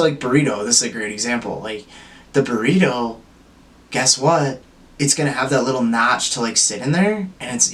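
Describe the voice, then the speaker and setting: A man's voice: mid-range voice, a bit bright, far from the mic. Young man rambling, heavy on fillers. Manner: filler-heavy, says like and dude constantly. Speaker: vlogger. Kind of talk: rambling casual storytelling.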